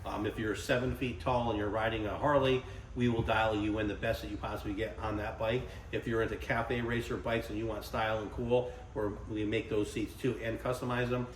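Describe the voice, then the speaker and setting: A man, a little hoarse from illness, rambling casually about his custom motorcycle seat work. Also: lowish voice, flat delivery, a little fast, a little hiss or hum. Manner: rambling, conversational, lots of fillers. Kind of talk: casual workshop vlog talk.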